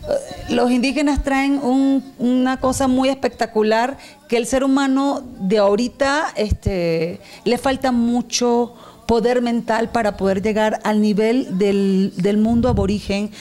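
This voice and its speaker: A woman's voice: fairly high pitch, steady tone, measured pace, darkish tone. A Venezuelan woman in her thirties, a guest on a studio talk show, talking in a playful, rambling way into a handheld mic. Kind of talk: casual studio chat. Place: TV studio set.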